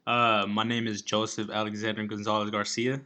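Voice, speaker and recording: A man's voice: lowish voice, little pitch movement, fairly quick, bright, forceful tone. A nineteen-year-old man from California co-hosting a casual podcast chat, laid-back and slangy, rambling with fillers and restarts. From California, USA. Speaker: podcast co-host.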